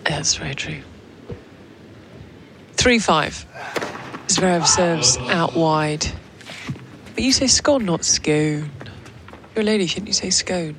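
Co-hosting a live radio show, this tennis commentator blends point-by-point calls with playful, teasing banter. He speaks at a medium pitch, slowly, with long pauses. Tennis crowd ambience and vehicle noise sit behind him.

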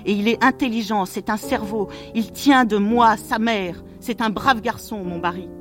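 A woman's voice: moderate pace, music in the background, lightly acted. A woman reading an audiobook, voicing a tearful, self-pitying middle-aged housewife in a raised, pleading voice. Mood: proud. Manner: shrill, pleading, raised pitch.

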